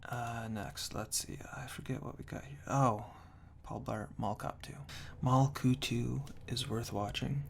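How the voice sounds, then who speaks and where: A man whispering softly and close in a binaural ASMR style, reading reviews and commenting in a dry, deadpan way. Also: unhurried, few pauses. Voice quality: hushed, breathy whisper mixed with soft low murmur. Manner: dry, tongue-in-cheek deadpan. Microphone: binaural microphone, very close to the ears. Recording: close binaural ear-to-ear mic, faint noise.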